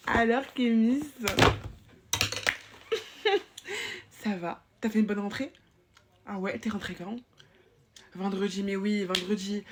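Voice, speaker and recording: A woman's voice: mid-range voice, a little hiss or hum, close to an everyday voice. A woman playing a chatty, bossy young school supervisor in a comic POV sketch, rambling and teasing in slang.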